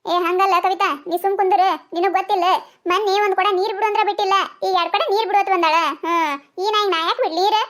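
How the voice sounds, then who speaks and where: Cartoon: woman doing a sharp-tongued stubborn older village woman, high and quick, North Karnataka accent. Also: steady tone. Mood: scornful. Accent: North Karnataka Kannada. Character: stubborn older village woman guarding her turn at the tap. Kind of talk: cartoon voice acting.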